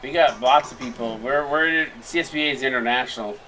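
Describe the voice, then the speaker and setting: A man calling plays as commentator on a sim basketball league stream, with upbeat, quick calls. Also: mid-range voice, pushed and bright, slight background noise, rough recording. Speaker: play-by-play commentator.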